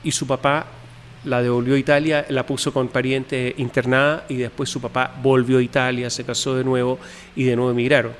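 A man's voice: mid-range voice, level tone, slight background noise. Man telling family stories. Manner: measured, reflective storytelling with frequent fillers. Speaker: guest. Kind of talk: interview, family history.

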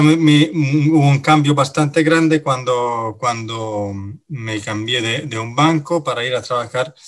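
A middle-aged man from Italy, a native Italian speaker with an Italian accent, answering radio interview questions in a halting way, full of pauses and fillers. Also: mid-range voice, fairly bright tone. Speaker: guest, finance director.

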